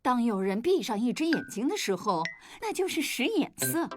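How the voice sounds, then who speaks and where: A woman voicing a kind, teasing mother pig in a children's cartoon dub, playful and full of expressive mock drama. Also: fairly high pitch, normal speed, a little hiss or hum. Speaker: cartoon character.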